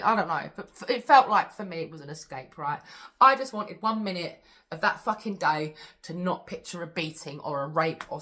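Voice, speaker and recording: Woman, confessional vlogger; blunt, intense, sweary, with a sharp, bright tone. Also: mid-range voice. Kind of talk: confessional storytelling to camera.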